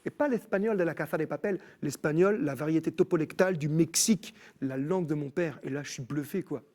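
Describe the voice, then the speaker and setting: A man telling his personal faith story as a TV guest, in an animated storytelling manner with many restarts. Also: on the high side, brisk. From France. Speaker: guest musician. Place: TV studio.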